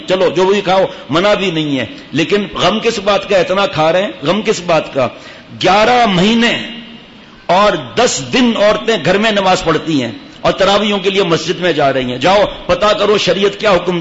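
A man's voice: high voice, fairly bright tone. A middle-aged man preaching a Friday sermon as imam, scolding the congregation with rhetorical questions. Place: mosque. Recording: dull lo-fi sound with faint hiss.

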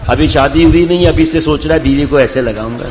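Jovial preacher in a reverberant hall. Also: male voice, on the high side, background noise. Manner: jovial storytelling, teasing listeners by name. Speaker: Sufi spiritual guide. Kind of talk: sermon to a gathering.

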